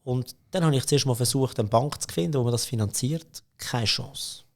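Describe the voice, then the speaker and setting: In a casual podcast conversation, a middle-aged man with a Swiss German accent, the CEO of a company, tells stories with frequent laughter, filler words, and restarts. His voice is mid-range with a darkish tone and a normal speed.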